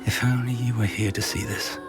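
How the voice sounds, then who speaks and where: A man playing an older wizard professor in a fantasy game, curious, wry and expressive. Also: mid-range voice, brisk, over music, lightly acted. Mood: hushed wonder. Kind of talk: cinematic fantasy game acting.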